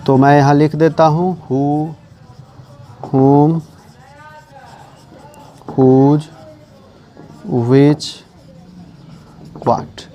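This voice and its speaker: A man teaching English grammar in a classroom lesson, slowly explaining, repeating key words and asking and answering his own questions. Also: on the high side, dark tone. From India.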